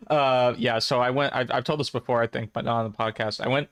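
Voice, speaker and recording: A man's voice: medium pitch, steady tone, a little fast, a bit bright, clean tone, no echo. A young man in his twenties co-hosting a podcast, telling a story at an easy ramble with many ums. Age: young adult. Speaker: podcast co-host. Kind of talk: casual storytelling.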